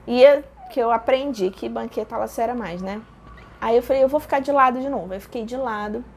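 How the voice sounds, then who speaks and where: A young Brazilian woman casually telling a personal story, acting out her own shouted lines with laughter. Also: fairly high pitch, brisk, a little hiss or hum. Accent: Brazilian Portuguese. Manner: animated, acts out quoted shouts with laughter.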